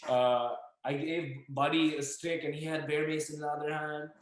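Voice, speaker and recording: Animated young man telling a story. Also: a little high, moderate pace. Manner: animated, acts out dialogue and yelling. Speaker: podcast guest. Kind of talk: casual storytelling. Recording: echoey room.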